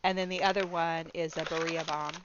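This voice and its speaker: A middle-aged woman talks casually to camera about her budget, rambling a bit with frequent ums and restarts and laughing easily. Her low voice is brisk with fairly even intonation, captured in lo-fi sound against a noisy background.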